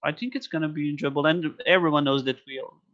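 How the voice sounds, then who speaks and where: A man co-hosting a casual podcast, talking in a halting way, repeating words and giving short agreeing replies. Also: on the high side, fairly bright tone, highs cut off. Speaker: podcast co-host. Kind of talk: casual chat.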